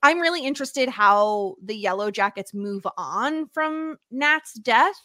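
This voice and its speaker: A woman's voice: on the high side, animated, measured pace, pushed and bright, dry recording, studio quality. A woman podcast host chatting casually about TV, with lots of "like" and "obviously". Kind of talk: casual chat.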